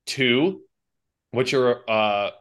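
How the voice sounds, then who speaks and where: A man's voice: mid-range voice, very slow, a bit bright, smooth. A man hosting a casual podcast chat, easygoing and steering the talk with questions. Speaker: podcast host.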